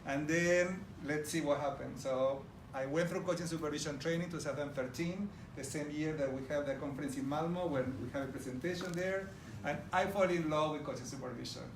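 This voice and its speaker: A middle-aged man from Argentina talks a little fast and barely pauses, his voice on the high side and his accent Argentine Spanish. He presents enthusiastically to a live audience in a large room, speaking to them directly, on distant, roomy audio with background noise.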